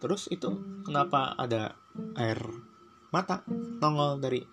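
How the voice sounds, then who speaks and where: A man hosts a casual podcast, earnest and slangy, slipping English phrases into his talk. His pitch sits at an ordinary middle. Plucked guitar music plays clearly behind him. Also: animated, unhurried, fairly bright tone. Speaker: podcast host.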